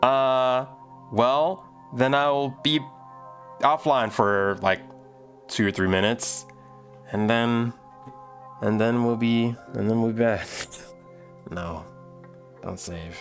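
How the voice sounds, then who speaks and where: Slow, with long pauses and fairly even intonation, this medium-pitched man in his thirties talks casually on a livestream as he makes music. He rambles and thinks aloud over soft background music.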